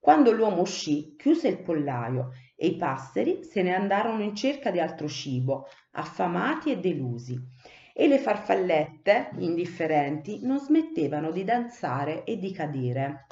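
Maestra che legge lentamente una fiaba. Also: female voice, fairly low pitch. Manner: slow, expressive storytelling. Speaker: teacher. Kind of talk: reading a children's book aloud. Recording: echoey room, dull muffled sound.

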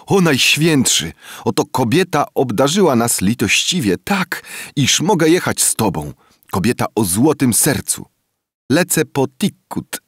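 A man's voice: very animated, measured pace, a bit bright, slightly rough, dry recording, clean studio sound, exaggerated voice. A man doing a whining, wheedling street boy. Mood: eager. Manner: whining, coaxing beggar's pitch. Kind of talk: audiobook character reading.

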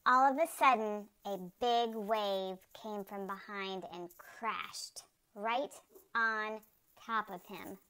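Slow, clear woman reading a storybook. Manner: slow, careful storybook reading that jumps high and loud for quoted shouts. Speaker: children's book reader. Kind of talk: reading a picture book aloud.

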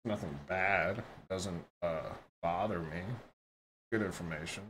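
A man's voice: low voice, measured pace, fairly bright tone, slight background noise, rough recording. A man hosting a reaction video, talking bluntly and rambling, with some profanity. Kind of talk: casual commentary.

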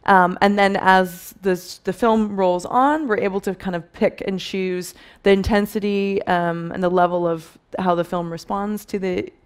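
A woman's voice: medium pitch, fairly even intonation, unhurried, few pauses, clean tone. A woman in her thirties giving a conference presentation as a film colourist, thoughtful, with many fillers and restarts. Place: dim stage with dark backdrop.

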